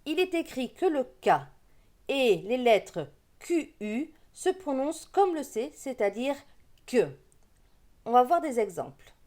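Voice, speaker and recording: A woman teaching young children to read, sounding out syllables slowly and deliberately, with gentle encouragement. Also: sits high, big pitch swings. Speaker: reading teacher. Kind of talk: slow reading lesson for young children.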